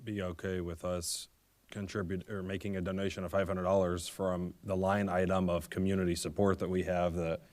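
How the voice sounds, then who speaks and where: A man on a city council, discussing and moving a motion in a halting way with restarts. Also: sits low, little pitch movement, darkish tone. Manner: halting, restarts mid-thought. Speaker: council member.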